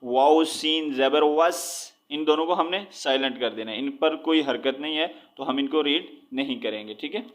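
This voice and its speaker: A man teaching Quran reading, spelling out letters and drawing words out slowly between explanations. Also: medium pitch, a bit bright. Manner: drawn-out recitation of words, explaining with repeated checks. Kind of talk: slow spelled-out recitation lesson.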